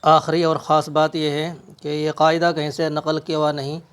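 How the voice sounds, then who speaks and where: A man's voice: fairly high pitch, completely flat delivery, normal speed, clear, resonant tone. A middle-aged man teaching a reading primer, sounding out words letter by letter. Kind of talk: spelling-out reading lesson.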